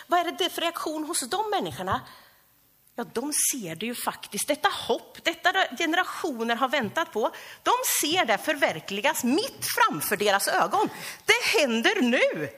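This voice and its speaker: Animated Swedish woman preaching in church. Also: sits high. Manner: animated, acts out cries of the people. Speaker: pastor. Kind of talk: sermon. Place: church during a service.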